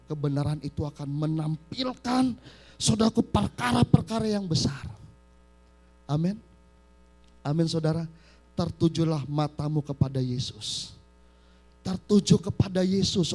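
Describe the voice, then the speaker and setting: A man's voice: on the high side, dark tone. A male pastor preaching a live church sermon, emphatic and constantly addressing his congregation as brothers and sisters. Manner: acts out quoted voices. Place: church service.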